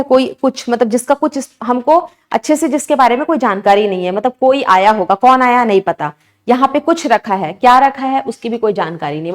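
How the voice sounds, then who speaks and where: A woman teaching an exam-prep lesson, explaining each answer step by step and constantly asking her students questions. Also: fairly high pitch.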